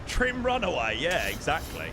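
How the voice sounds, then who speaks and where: A chatty male streamer gives casual, matey pilot commentary in a fairly high, animated voice. Aircraft engine noise runs clearly behind him. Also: moderate pace. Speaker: flight sim streamer playing pilot.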